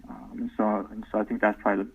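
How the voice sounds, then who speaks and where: A man in his thirties, a guest in a casual interview, talking easygoingly with lots of "um" fillers over low-quality remote call audio. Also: flat delivery, fast, breathy edge. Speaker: podcast guest. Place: at home, away from the host. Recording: tinny phone-like remote line.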